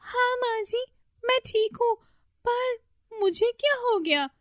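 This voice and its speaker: A woman voicing a bold, defiant young daughter-in-law in a storybook tale, with a loud, scolding, commanding way of talking. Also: extremely high pitch, slow pace, no echo, clean studio sound, voice pushed up, exaggerated voice. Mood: sweetly innocent.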